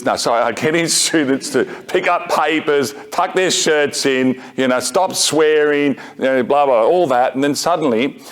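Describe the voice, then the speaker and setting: Wry middle-aged man lecturing. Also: medium pitch. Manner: conversational, self-correcting, wry asides. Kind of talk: lecture mixed with personal anecdote. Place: parish gathering room.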